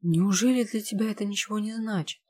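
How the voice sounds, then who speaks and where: A woman's voice: medium pitch, quick pace, a little mellow, dry recording, lightly acted. A woman reading the part of a proud, hot-tempered young vampire empress who snaps demands and then pleads. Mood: hurt.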